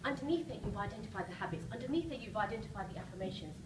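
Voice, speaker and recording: A woman with a mid-range, animated voice talks very fast during a rousing motivational seminar for a live audience, coaching emphatically and checking in with quick questions. A distant mic captures the echoey room and its noisy background.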